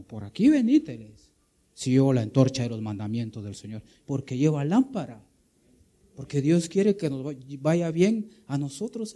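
A man preaches with a Guatemalan Spanish accent, emphatic and lively with rhetorical questions. His voice sits somewhat high for a man yet sounds warm and mellow. He keeps calling on his listeners as brothers. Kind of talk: sermon.

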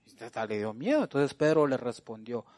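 A man preaches a sermon in an expressive, mid-range voice, calling out to the congregation with repeated rhetorical questions. He swings between loud exhortation and quiet, drawn-out asides.

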